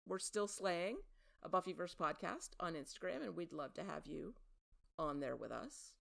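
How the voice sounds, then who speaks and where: A woman's voice: on the low side, expressive, normal speed, vocal fry. A woman hosting a podcast, chatting casually and sharing trivia with a self-deprecating manner. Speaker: podcast host.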